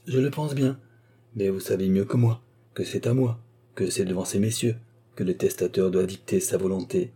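An earnest notary lays out the law in measured, insistent sentences, as a male storybook reader puts him on. The voice sits somewhat low, with a dark, husky grain. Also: fairly even intonation. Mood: formal. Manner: formal, insistent legal phrasing. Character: earnest middle-aged male notary, formal.

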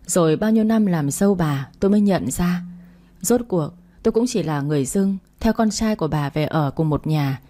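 A woman narrating a first-person family story in a steady, plain manner. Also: lowish voice.

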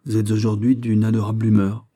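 A man's voice: on the low side, completely flat delivery, fast, warm tone, natural voice. Man reading as a flustered young courtier. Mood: pleading deferential. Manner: pleading, deferential.

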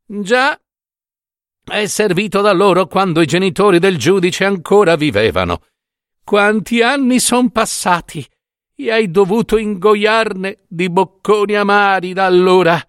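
Storybook old woman, wheedling and sing-song, read by a man, lifted high and lively. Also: a little slow, clear, resonant tone, no echo, studio quality. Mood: sympathetic.

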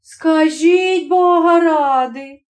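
A woman voicing a brisk housewife who scolds her husband with mocking disbelief, in an audiobook story. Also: high voice, animated, a little mellow, pitched above the performer's own voice. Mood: scolding. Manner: scolding, incredulous.

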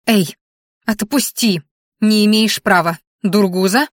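A woman voicing an indignant, sharp-tongued young woman who keeps accusing and shouting. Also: medium pitch, expressive, unhurried, dry recording, studio quality.

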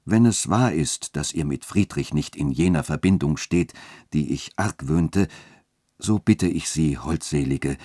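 A man reading a story aloud and voicing a scheming, smooth-talking church dean who shifts between insistence and soft coaxing. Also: extremely low pitch, unhurried, no echo, clean studio sound. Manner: insistent, then softly coaxing. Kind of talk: literary reading.

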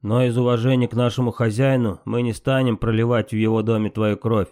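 A man's voice: mid-range voice, flat delivery, brisk, a little mellow, lightly acted. A man reading an audiobook, voicing a stern, commanding old male ruler of the gods.

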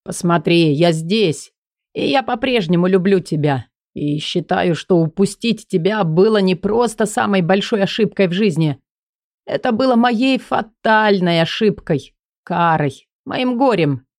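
A woman's voice: mid-range voice, lively intonation, measured pace, darkish tone, no room sound, clean studio sound. A woman voicing a desperate young man in an audiobook, speaking in an urgent, insistent way. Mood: earnest insistence.

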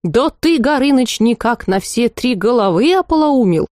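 A woman's voice: on the high side, expressive, normal speed, darkish tone, no room sound, clean studio sound, pitched above the performer's own voice, lightly acted. A woman voicing a feisty old folk witch who scolds in a folksy way in an audiobook. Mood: scolding.

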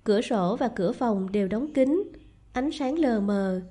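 A woman reads a romance novel aloud in a soft, measured, even style. Her voice sits fairly high, with a mellow, dark tone. She keeps a steady storytelling pace throughout. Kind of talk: scripted narration of a romance novel.

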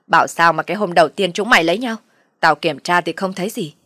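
A woman's voice: fast talker, no room sound, clean studio sound. Woman doing a screaming, abusive mother-in-law. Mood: furious scolding. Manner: shrill, abusive shouting. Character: furious scolding middle-aged mother-in-law.

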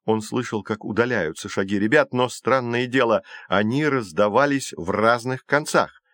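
A man narrating a children's adventure audiobook in a measured, expressive way. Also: medium pitch, no room sound, studio quality. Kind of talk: storybook narration.

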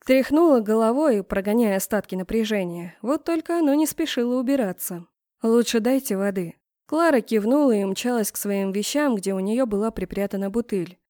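A woman reading a first-person audiobook with even storytelling that lifts for tension, close on the mic. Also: a little high, brisk, few pauses, no echo. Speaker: audiobook narrator.

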